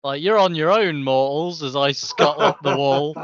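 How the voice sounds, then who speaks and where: A man's voice: fairly high pitch, moderate pace, no echo. A man playing a tabletop game, talking casually and using a lot of fillers. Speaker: player. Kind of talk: casual tabletop role-play. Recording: dull, dry home mic.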